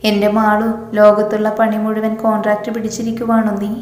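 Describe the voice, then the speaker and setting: A woman's voice: mid-range voice, completely flat delivery, brisk, a little mellow, reverberant, big-room sound, close to an everyday voice. A woman voicing a cheeky young female best friend on the phone in a storybook reading, teasing and playful.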